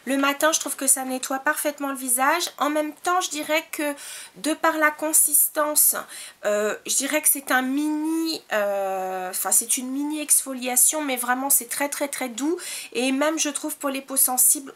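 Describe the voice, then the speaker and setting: A woman with a high, light voice, chatting through her beauty purchases. She speaks casually and hesitantly, pausing on fillers and restarting her sentences. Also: fairly bright tone. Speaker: beauty vlogger. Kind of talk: casual product haul review.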